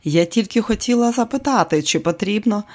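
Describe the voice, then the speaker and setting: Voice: medium pitch, animated, brisk, pitched above the performer's own voice, close to an everyday voice. A reader voicing a nervous young actress, earnest and hesitant, in an audiobook. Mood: timid. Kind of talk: audiobook character voice.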